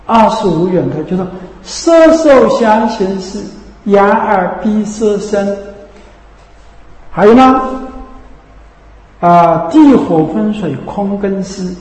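A man's voice: sits high, expressive, takes it slowly, long pauses, darkish tone. A man teaching as a Buddhist preacher, repeating himself and asking rhetorical questions to check that listeners follow. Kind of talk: Buddhist sermon. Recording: echoey hall reverb.

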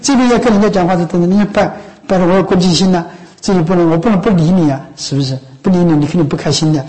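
A man's voice: high voice, rapid-fire, mellow, rough recording. A man, a Buddhist monk, giving an informal dharma talk to lay followers. He talks in a chatty, coaxing way, keeps asking his listeners whether they understand, and coughs now and then. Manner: conversational, often asks "知道吗？" and "是不是？".

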